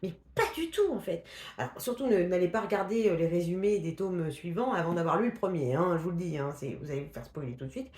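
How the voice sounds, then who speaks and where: A woman's voice: lowish voice, animated, fast, dark tone. Chatty woman in an echoey room. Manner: chatty, hesitant with many fillers and restarts, laughs often. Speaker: book vlogger. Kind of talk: casual book review chat.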